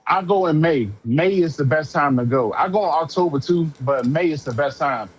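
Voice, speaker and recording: A talkative, fairly high-pitched man, a prospective renter who taught himself auto body painting, chats casually on a noisy phone call. He speaks at a moderate pace in slangy language and often repeats himself.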